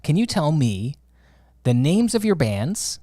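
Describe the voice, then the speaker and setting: A man's voice: on the high side, big pitch swings, slow pace, warm tone, no echo, studio quality. A man hosting a podcast, chatting casually in a friendly, rambling way with many fillers and some swearing. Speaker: podcast host. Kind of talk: casual interview chat.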